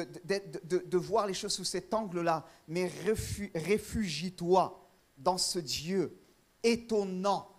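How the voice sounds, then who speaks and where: Pastor, male, high-pitched, fervent and emphatic preaching with repeated phrases, church sermon.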